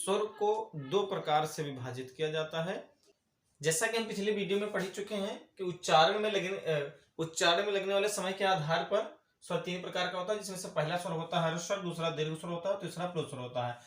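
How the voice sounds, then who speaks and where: A man's voice: high-pitched, fairly quick, fairly bright tone. A man teaching a grammar lesson, who repeats each definition and asks and answers his own questions. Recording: echoey room.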